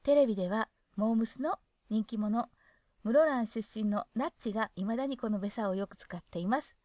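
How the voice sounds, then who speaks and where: A woman's voice: fairly high pitch, moderate pace, dark tone, no echo, clean studio sound. A woman with a Hokkaido accent reading a guide on dialect aloud and adding chatty asides of her own. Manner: chatty, adds asides to the text. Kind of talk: casual reading with commentary.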